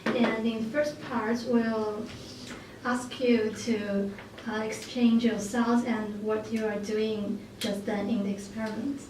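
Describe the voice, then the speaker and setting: Woman moderator, halting and slow, distant mic in a noisy echoey room. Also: fairly high pitch, level tone. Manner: slow, halting, many fillers. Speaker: focus group moderator. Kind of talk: hesitant moderation of a group discussion.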